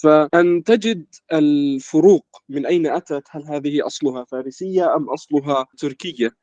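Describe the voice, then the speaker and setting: Young man, from Egypt, interview guest, measured explainer, filler words, dry close recording. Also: fairly high pitch, a little mellow, no echo, lo-fi sound. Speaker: interview guest, language student. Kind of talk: casual conversation in formal Arabic.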